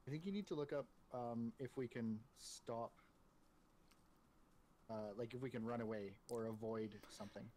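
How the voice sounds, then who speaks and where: A man's voice: mid-range voice, normal speed, dark tone. Man, mid-range voice, casual, matter-of-fact, explaining rules, faint background hiss. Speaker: board game streamer. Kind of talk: casual chat while learning a board game.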